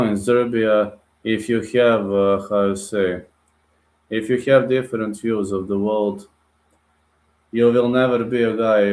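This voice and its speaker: Low and slightly mellow, the voice belongs to a blunt Bulgarian streamer in an echoey room. Casually going through viewer comments, he answers them directly, says "guys" to his audience, and uses phrasing typical of a non-native speaker.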